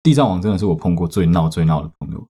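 A man with a Taiwanese Mandarin accent, telling a story casually on a podcast and swearing in sudden loud outbursts. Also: deep voice, animated, very fast. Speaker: podcast host.

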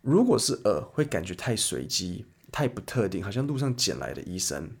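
A man hosts an English lesson podcast. He explains words in a chatty, lively way. His voice sits low and has a gravelly, fry-heavy texture. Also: normal speed. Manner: lively, chatty explainer who switches into English example sentences. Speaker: English teacher and podcast host.

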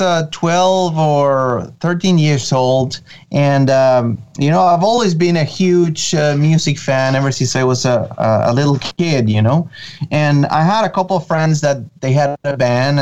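A Venezuelan creative director of an animation studio talks eagerly as a guest in a casual interview, full of fillers and restarts. His voice is a little high, slightly mellow and clean, though the recording sounds muffled.

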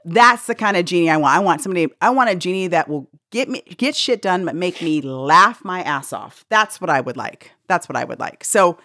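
Lively low-voiced woman co-hosting a chat. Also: fairly quick, few pauses, no echo, studio quality. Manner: animated, laughs a lot, swears freely. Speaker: co-host. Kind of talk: casual podcast chat.

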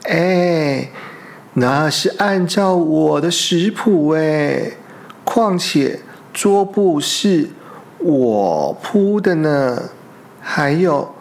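A storyteller voicing a big, hungry, stubborn male bear in a slow, low, drawn-out voice for a children's storybook. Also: expressive, creaky, darkish tone, heavily acted. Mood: arguing.

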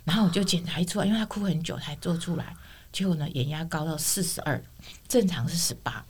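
A middle-aged woman speaks, her voice sitting a little low for a woman. She shares a personal testimony as a guest, vividly and expressively, switching into the voices of the people she quotes. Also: fast talker, husky. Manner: expressive storyteller, acts out quoted dialogue.

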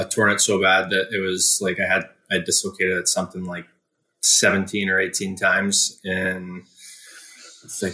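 A young man tells his story as an interview guest, his voice low, bright and fairly monotone. He speaks earnestly and measuredly, leaning on "um" and "you know." The recording carries noticeable room echo. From Ontario, Canada. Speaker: guest, pro hockey player.

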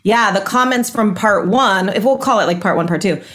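A woman's voice: mid-range voice, moderate pace, a bit bright. A woman co-hosting a casual podcast, gushing enthusiastically and sharing trivia. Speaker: podcast co-host. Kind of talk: casual rewatch podcast chat.

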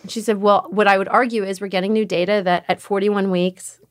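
A woman telling a personal story as a podcast guest, candid and animated, acting out what others said. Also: medium pitch, fairly quick, dry recording, clean studio sound. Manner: candid, animated retelling with quoted voices.

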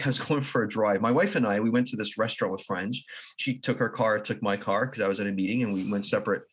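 Husky-voiced man telling a personal story. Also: lowish voice. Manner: earnest, halting, with restarts and soft laughs. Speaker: podcast guest. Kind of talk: reflective personal storytelling in an interview.

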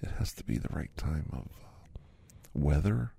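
A man's voice: a bass voice, big pitch swings, moderate pace, gravelly, warm tone, husky, no room sound, exaggerated voice. A man doing a whispered role-play as a chatty doctor in his fifties who gives a massage, rambling easily in a half-whispered voice. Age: 50s. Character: chatty fifty-something male doctor giving a massage. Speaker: ASMR host.

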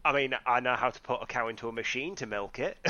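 A man's voice: medium pitch, moderate pace, pushed and bright, highs cut off. A man, chatting casually and self-deprecatingly as a podcast guest. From northeast England. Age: 30s. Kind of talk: casual chat.

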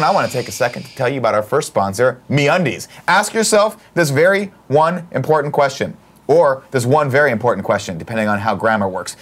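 Fast-talking man hosting a comedy podcast. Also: medium pitch, a little hiss or hum. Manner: fast, joking, hammy announcer delivery. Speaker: podcast co-host. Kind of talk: casual chat and live-read ads.

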